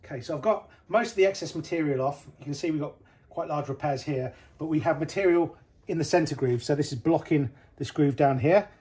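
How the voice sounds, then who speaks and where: In his small workshop, the same middle-aged British ski technician talks through a repair in a relaxed, practical way, using some fillers. His voice sits on the high side and moves a little fast, with faint music in the background.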